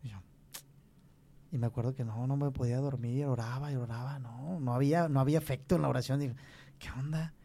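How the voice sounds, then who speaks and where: A young Mexican man with a Mexican Spanish accent, telling a personal faith testimony in conversation, earnest and halting with many restarts. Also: mid-range voice, fairly even intonation, creaky, warm tone.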